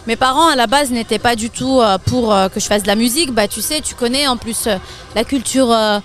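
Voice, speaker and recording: A young French woman talking casually about her career in an interview, chatty and quick to laugh. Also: fairly high pitch. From France. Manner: lively, laughs often, chatty with fillers. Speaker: interview guest, singer and DJ.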